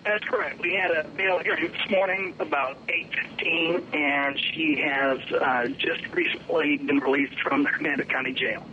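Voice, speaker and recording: A male defense attorney speaking in a phone-in interview, his voice muffled as if from the bottom of a well, with measured, careful legal phrasing. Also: fairly high pitch, steady tone, bright, forceful tone. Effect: muffled phone line, like at the bottom of a well. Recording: dull lo-fi phone line with faint hiss.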